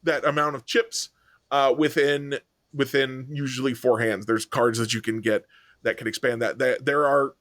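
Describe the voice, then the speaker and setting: A male podcast co-host talks in a loose, rambling way, full of ums and self-corrections. His voice sits at a medium pitch. The sound is dry and close, with no room echo. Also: fairly even intonation, normal speed, fairly bright tone. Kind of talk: casual chat.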